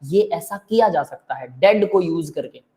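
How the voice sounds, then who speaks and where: A male chemistry teacher giving a relaxed live lesson, going step by step and checking often that students follow. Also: a little high, moderate pace. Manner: explains step by step, keeps checking the class understands; relaxed and friendly, calls students "beta" and "bhai". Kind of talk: live online chemistry lecture.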